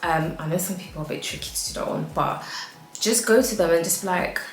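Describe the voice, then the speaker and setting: A woman's voice: lowish voice, fast talker, roomy sound, noisy background. A woman with an African accent giving frank, chatty home decor advice in a casual vlog, laughing often.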